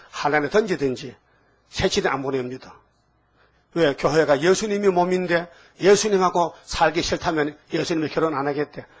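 High husky older male preacher. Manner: folksy, call-and-response, asking the congregation "응?". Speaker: pastor. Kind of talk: sermon.

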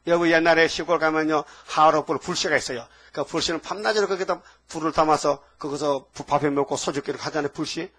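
A man in his seventies preaching a sermon in a folksy, fiery way, with sudden loud outbursts. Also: fairly high pitch, steady tone, fast talker, hardly any pauses. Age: 70s. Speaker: pastor.

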